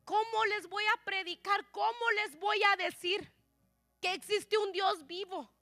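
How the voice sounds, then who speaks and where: A woman preaches a fervent sermon in a church. Her voice sits extremely high and rings sharp and piercing. Faint music plays softly behind her. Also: steady tone, measured pace, no echo. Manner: impassioned, keeps addressing listeners as "my brother". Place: church sanctuary.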